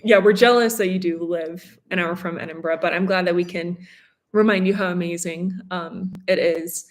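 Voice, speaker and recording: A woman's voice: lowish voice, steady tone, moderate pace. A woman in her twenties from Colorado chatting casually on a livestream with her partner, reading and answering viewer questions. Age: 20s. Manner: chatty, fillers and restarts, reads viewer comments. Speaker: vlogger co-host.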